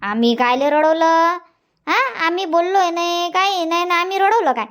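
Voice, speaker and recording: A nagging old village grandmother from a cartoon comedy, voiced by an actor, with an extremely high, squeaky voice and a Vidarbha Marathi accent. She fires the same question again and again, chiding and coaxing. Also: normal speed, fairly bright tone. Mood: scolding. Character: fussy nagging village grandmother, scolds and coaxes.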